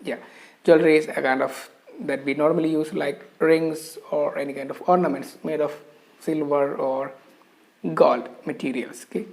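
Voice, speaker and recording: The speaker has an Indian English accent and a voice with noticeable vocal fry. They teach in a didactic manner, repeating key words and phrases as they explain pronunciation. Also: mid-range voice, steady tone, moderate pace, a little mellow. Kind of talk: spoken lesson.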